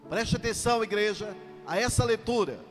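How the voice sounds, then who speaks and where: A man's voice: high voice, moderate pace. A man preaching a sermon as pastor, commanding and calling on his congregation. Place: church hall. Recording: reverberant church hall with music. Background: music.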